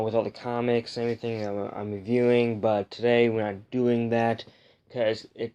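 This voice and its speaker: A man's voice: on the low side, darkish tone. Young man who says w for r. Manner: says w for r, sometimes slips on l. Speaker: host of a comic book review show. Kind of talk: casual rambling review.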